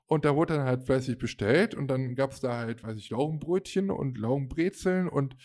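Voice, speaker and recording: A man in his thirties, with a mid-range, darkish voice and a moderate pace, casually tells a long anecdote in a storytelling chat. He rambles with fillers and acts out the people he quotes.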